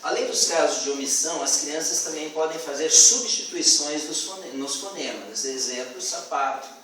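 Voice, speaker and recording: A male student gives a class presentation, hesitating often with fillers and restarts. His slightly high, somewhat bright voice is captured by a distant mic across a very echoey classroom, with faint hiss in the background.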